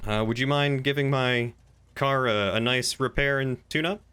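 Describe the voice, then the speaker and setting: A man rambles casually on a game roleplay livestream, voicing his thoughts and reading chat aloud. He speaks at a moderate pace and steady tone, his ordinary-pitched voice crisp, forward and edged with brightness.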